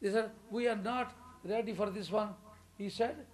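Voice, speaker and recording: Preaching an English sermon, the Pakistani-accented man keeps a steady tone and moderate pace in a voice that sits high. He stresses points emphatically, sometimes loudly, and chuckles in between them before his congregation.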